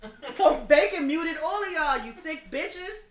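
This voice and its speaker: A woman's voice: very high voice, lively intonation, a little slow, a little hiss or hum. A woman co-hosting a podcast, brash and teasing, cursing freely in casual chat. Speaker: podcast co-host.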